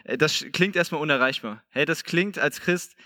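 A man's voice: a little high, moderate pace, sharp tone, no echo, clean studio sound. A young man preaching a casual, upbeat sermon, slangy and full of "hey".

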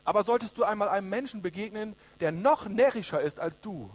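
A man voicing an old dying king who is weary and regretful, speaking low and quietly. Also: expressive, a little fast. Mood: gracious. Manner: low, quiet, sorrowful delivery.

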